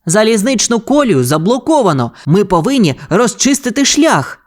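A woman's voice: mid-range voice, big pitch swings, normal speed, voice pushed up. A woman voicing a brave young boy who leads a team of rescue pups, giving upbeat, commanding calls. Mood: eager. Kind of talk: children's audio fairy tale.

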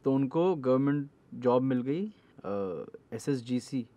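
A man's voice: mid-range voice, animated, slow, mellow. A man, a horror storyteller and podcast guest, talking in an earnest storytelling way and dropping English phrases into casual conversation.

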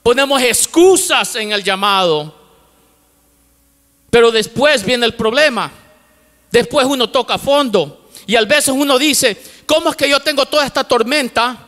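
At a measured pace, a middle-aged pastor delivers a sermon in a strikingly high, bright voice through a handheld mic on a large, lit church stage, his words echoing with long reverb through the auditorium. He fervently repeats key phrases and, as a native English speaker, mixes in English words.

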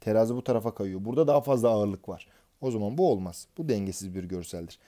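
Lively, mellow-voiced male lecturer. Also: on the low side, fast. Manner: addresses listeners as teachers, asks and answers own questions. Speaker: exam prep teacher. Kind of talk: lecture explaining concepts.

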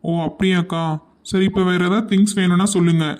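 Man voicing a generous younger brother, a bit high, insistent, cartoon. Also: flat delivery, brisk, lightly acted. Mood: caring. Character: caring young brother, generous and eager to help. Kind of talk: cartoon voice acting.

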